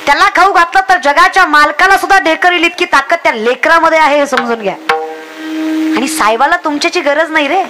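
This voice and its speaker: A woman's voice: high voice, fairly quick, pushed and bright. A young woman preaching a comic devotional sermon, urging the crowd and acting out villagers' lines. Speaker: kirtan preacher.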